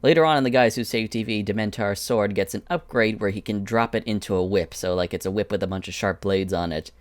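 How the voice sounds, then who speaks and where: A man with a lowish, smooth, resonant voice gives a relaxed screen-recorded tour of his builds. The recording is dry and close, with no room around him. He talks in a chatty way and wanders off into little asides. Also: fast, dry recording. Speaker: animator showing his Minecraft prop world. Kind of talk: casual screen-recorded walkthrough.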